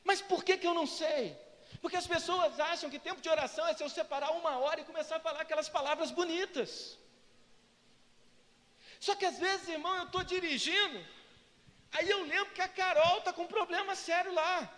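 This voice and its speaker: A male pastor with a Brazilian Portuguese accent delivers a brisk sermon in a strikingly high voice, acting out prayers and little dialogues. He repeatedly asks the congregation to respond, and the church sanctuary gives his voice a long reverb.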